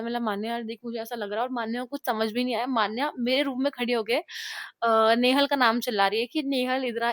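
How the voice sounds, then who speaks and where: A young woman vlogger telling a personal story to camera in a casual, animated way, mixing English words into her speech. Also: a little high, no room sound, clean studio sound. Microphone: clip-on mic, later camera mic after battery died.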